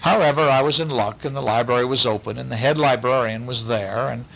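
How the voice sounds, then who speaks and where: This man's medium-pitched voice is brisk and creaky, captured on low-quality audio. Reading a bedtime story expressively, he keeps breaking off to talk with a young listener, quizzing them eagerly and explaining what words mean.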